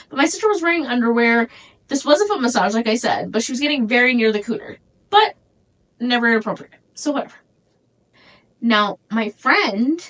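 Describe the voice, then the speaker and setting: A woman's voice: a little high, a bit bright, rough recording. A young woman hosting her own podcast, telling a crude personal story in a candid, casual way. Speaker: podcast host.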